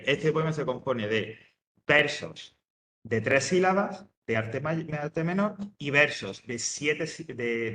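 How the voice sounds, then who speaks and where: This man's voice is medium in pitch with a fairly bright tone, and the room echoes around him. He's giving a lecture to students, walking them through each step, often restarting sentences, dropping fillers, and asking "¿vale?" to check they follow.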